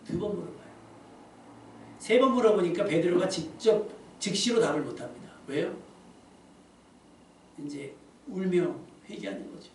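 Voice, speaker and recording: A man's voice: sits high, expressive, moderate pace, pauses often, a little mellow. A man preaching a sermon as pastor in a church, conversational, asking the congregation rhetorical questions. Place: church sanctuary. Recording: echoey church hall from a distance, faint room noise.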